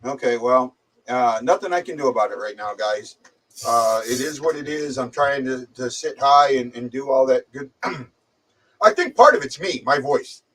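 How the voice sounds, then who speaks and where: Hosting a casual livestream chat, this man speaks in a mid-range, fairly bright voice at a moderate pace. The distant, muffled mic makes him sound like he's on speakerphone, and a slight head cold comes through as he rambles, hesitates and trips over repeated words.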